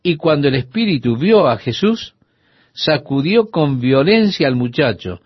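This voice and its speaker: A man's voice: fairly high pitch, unhurried, slightly rough, no room sound, muffled recording. A man teaching the Bible for radio listeners, telling a story and voicing the people in it. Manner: lively storytelling, voicing the people in his anecdote.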